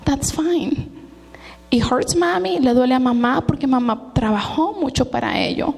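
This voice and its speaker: A woman's voice: high voice, animated, normal speed, creaky, darkish tone, husky. A middle-aged Mexican woman giving a personal testimony sermon, telling it with emotion and mixing in English words. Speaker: preacher. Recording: long hall reverb.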